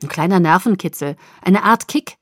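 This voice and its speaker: A woman voicing a playful, easygoing teenage boy who talks low and softly. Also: expressive, moderate pace, dry recording, clean studio sound. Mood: casual. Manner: low, soft-spoken.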